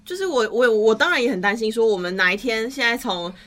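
A woman's voice: fairly high pitch, fast talker. A woman with a Taiwanese Mandarin accent hosting a casual podcast chat, steering the talk with probing questions. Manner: probing questions, lively prompts. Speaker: podcast host.

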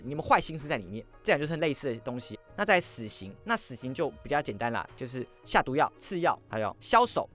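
A man hosting a history podcast, telling the story in a lively, theatrical way. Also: on the high side. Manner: lively, acts out quoted lines in shifting voices. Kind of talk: animated storytelling monologue.

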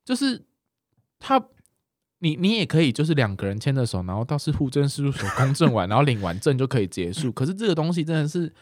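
A man, co-hosting a casual podcast chat. His pitch rises and falls a lot as he tells a story, and he laughs easily. The sound is dry and close to the mic. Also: fast, no room sound. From Taiwan. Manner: animated storytelling, laughs often. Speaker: podcast co-host.

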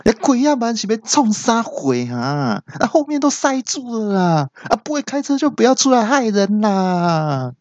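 A man's voice: high voice, sing-song, moderate pace, hardly any pauses, a little mellow, no room sound, lo-fi sound, voice pushed up. A man voicing a brash two-year-old boy who scolds in a tiny milky baby voice. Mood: scolding. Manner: rude scolding.

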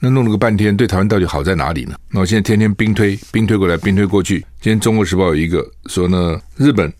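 A man's voice: sits low, fast, a little mellow, no room sound. An older man from Taiwan hosting a radio talk show, giving casual political commentary with emphatic rhetorical questions. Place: radio studio. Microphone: studio microphone.

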